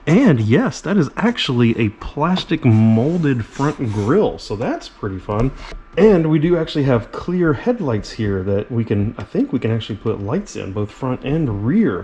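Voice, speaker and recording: A man's voice: mid-range voice, darkish tone, slight background noise. An enthusiastic man reviewing and unboxing a remote-control car, talking directly to his viewers and exclaiming over each feature.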